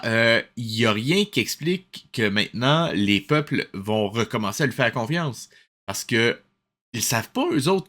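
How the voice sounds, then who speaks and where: This man has a medium-pitched, slightly bright voice and a Québécois accent. He hosts a casual cartoon review, sounding exasperated and sarcastic while mixing English words into his speech.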